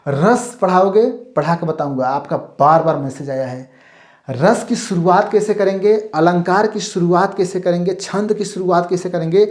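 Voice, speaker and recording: A male Hindi teacher giving a mock demo class, asking questions, then answering them himself, in a call-and-response manner. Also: a little high. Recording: roomy echo.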